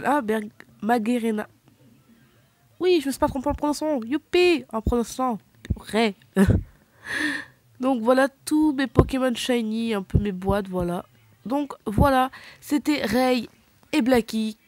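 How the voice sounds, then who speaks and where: A woman's voice: medium pitch, darkish tone, no echo. A woman chatting casually while showing her game collection, rambling with many fillers, slips and self-corrections. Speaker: gaming vlogger.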